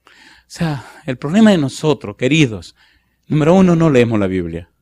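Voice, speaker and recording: A male pastor preaching a sermon, slowing down to read scripture and putting rhetorical questions to the congregation. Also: mid-range voice, big pitch swings, mellow. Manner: slows to stress scripture verses.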